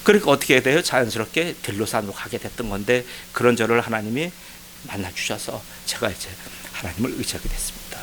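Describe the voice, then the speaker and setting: A man pastor preaching a sermon as a personal testimony, his voice shifting from hushed reflection to loud, pleading cries. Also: medium pitch, quick pace, a little hiss or hum, poor audio. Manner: emotional testimony, swings from quiet to loud pleading. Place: church sanctuary.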